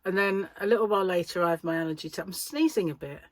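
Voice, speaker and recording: A woman's voice: fairly low pitch, rapid-fire, dry recording. A British woman chatting casually and self-deprecatingly in a rambling vlog, with a slight speech impediment that occasionally blurs her words. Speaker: crochet vlogger and yarn shop owner.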